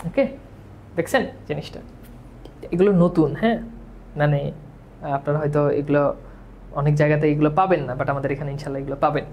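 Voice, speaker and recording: A man's voice: on the high side, a little mellow, a little hiss or hum. A man teaching an online exam-prep lecture, drilling questions and answers over and over and sprinkling English words into his speech. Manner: talks fast, as he admits.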